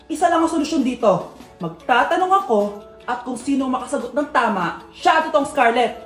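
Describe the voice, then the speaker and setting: A bossy, doting mother in a comedy skit, played by a woman in a high voice. She fusses, scolds and quizzes her child in turns. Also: animated, brisk, echoey room, faint music behind. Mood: stern.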